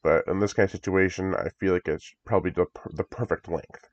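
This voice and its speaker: Sitting low with fairly even intonation, his voice moves a little fast with no echo. He's got a stuffy voice from a recent cold and chats eagerly, rambling and often chuckling, as he reacts to a horror trailer in a dry, dull lo-fi home recording.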